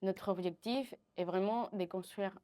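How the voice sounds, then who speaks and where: Speaking at a measured pace, this woman has a warm, medium-pitched voice. She's a twentysomething partnership manager from Venezuela, a guest fielding interview questions with frequent fillers and restarts.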